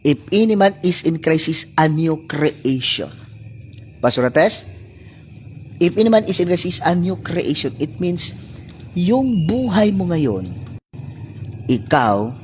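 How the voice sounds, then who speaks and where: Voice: medium pitch, a little hiss or hum. A preacher with a Filipino accent giving a sermon, moving between English and local languages and repeating phrases for emphasis. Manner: mixes English with Tagalog and Cebuano.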